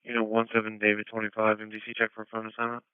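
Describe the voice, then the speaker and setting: A male police dispatcher reading clipped call signs over a police radio channel in a rapid monotone. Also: on the low side, clean tone, no echo. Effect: police radio transmission. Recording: tinny dry radio channel.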